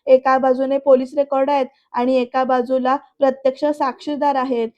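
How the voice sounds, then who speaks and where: A woman's voice: high-pitched, little pitch movement, normal speed, highs cut off, natural voice. Woman reading as a confused young son. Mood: frustrated. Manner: confused, frustrated. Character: young son torn between his parents.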